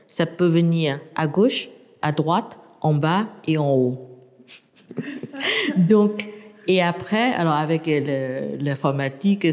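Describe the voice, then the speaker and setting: A woman's voice: deep voice, a little mellow, big-room sound. A native Burmese-speaking woman, a university lecturer, explaining her language in an interview with hesitant, restarting speech.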